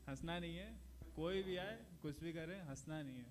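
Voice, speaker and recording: A man's voice: on the high side, a little slow, slight background noise. A man doing a stand-up set at an open mic, telling sarcastic, self-deprecating stories. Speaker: stand-up comedian. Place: small open mic venue.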